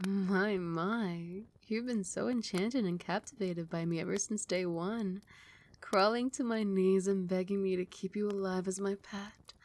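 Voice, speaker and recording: A woman with a mid-range voice plays a regal vampire queen in an ASMR roleplay, possessive yet tender. She speaks softly and soothingly, often drifting into breathy whispers.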